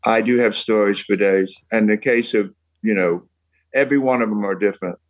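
A man's voice: on the low side, fairly quick, rough recording. An older man from England, a songwriter guest telling long, rambling anecdotes in casual podcast chat, dropping British slang.

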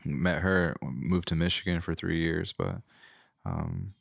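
A man in his thirties from the Carolinas, a musician guest in a casual chat, talking in a relaxed, rambling way with lots of fillers. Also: low voice, slow, vocal fry, dry recording, clean studio sound.

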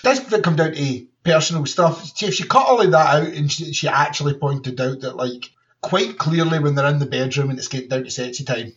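Brief: chatty, crude man, slightly high voice, recorded dull and a bit far from the mic. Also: a little fast, fairly bright tone. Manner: rambling, frequent laughter, crude jokes. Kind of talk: casual chat.

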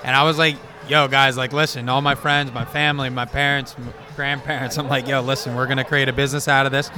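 Young man, easygoing chatty creator, mid-pitched voice. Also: flat delivery, fast talker, crowd noise. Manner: laid-back, rambling, says bro and man. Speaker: comedy content creator. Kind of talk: casual chat.

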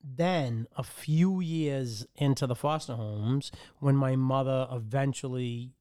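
As a podcast guest, a middle-aged man from the Dominican Republic tells his life story, halting often and restarting with fillers as he works through his memories. His mid-range voice is smooth, clean, and a little mellow, and the recording is dry, with no echo or room sound.

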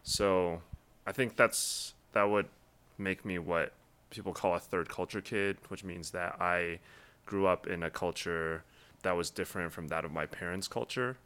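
A young man from Taiwan, a guest in a casual interview, answering in a thoughtful, measured way with frequent pauses. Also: low voice, steady tone, pushed and bright, clean tone. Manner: thoughtful, measured, many ums.

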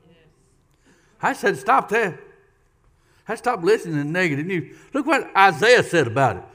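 A man's voice: high-pitched, big pitch swings, normal speed, sharp tone. A man preaching a sermon as pastor, emphatic, repeating key lines and questioning the congregation.

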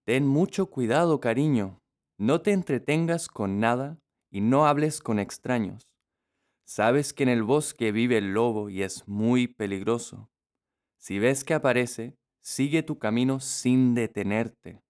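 A man voicing a caring mother who gently warns her young daughter, speaking in a raised, soft tone. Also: mid-range voice, unhurried, lightly acted. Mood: cautioning. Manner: gentle, warning.

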